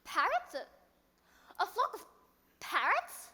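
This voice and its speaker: Stage girl, prim and earnest, played by a woman: very high, slow delivery, hall reverb. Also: wildly swooping pitch, pushed and bright, full character voice. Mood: urgent, anxious. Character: earnest, prim, bossy girl, a lord's daughter. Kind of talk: theatrical stage acting. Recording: echoey theater hall.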